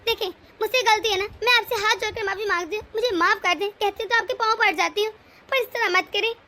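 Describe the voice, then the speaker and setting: A woman's voice: very high voice, quick pace, bright, forceful tone. A woman voicing a browbeaten middle-aged wife in a cartoon story, complaining and pleading. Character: browbeaten middle-aged wife, long-suffering daughter-in-law. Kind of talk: cartoon voice acting.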